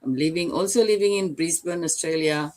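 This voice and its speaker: An older retired woman from Fiji introducing herself on an online panel, warm and proud, over a video call. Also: sits low, fairly quick. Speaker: panel guest.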